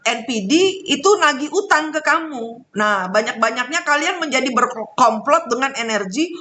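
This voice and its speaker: A woman telling spiritual stories in a casual monologue, animated and laughing often. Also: high-pitched. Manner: animated, laughs often, mixes in Javanese and English. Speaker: spiritual talk host.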